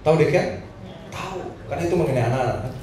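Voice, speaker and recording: A man preaches to a congregation in a big echoing hall, heard from some way off the mic. His voice sits high and swings lively up and down as he tells his story and chuckles between lines, with a faint room hum behind. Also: very fast. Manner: storytelling, addresses the congregation, laughs between phrases. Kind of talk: sermon with personal testimony. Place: church hall. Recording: echoey hall, voice from a distance.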